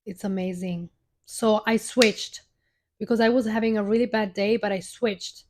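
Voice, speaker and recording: A woman's voice: a little high, flat delivery, moderate pace, a little hiss or hum. A young woman hosting a live stream, telling a personal story in a casual, heartfelt, rambling way with many restarts.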